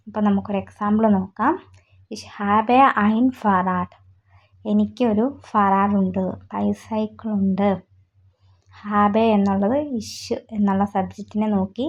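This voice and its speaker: A woman teaching German grammar rules in Malayalam, who spells out examples slowly and deliberately. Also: medium pitch, darkish tone. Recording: slightly dull lo-fi audio.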